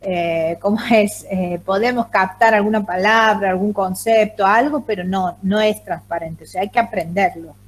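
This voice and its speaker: A woman's voice: mid-range voice, normal speed, few pauses. A woman whose first language is Greek, giving an online lecture on the language to a general audience, hesitant and full of fillers, on a video call. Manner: hesitant, many fillers and restarts.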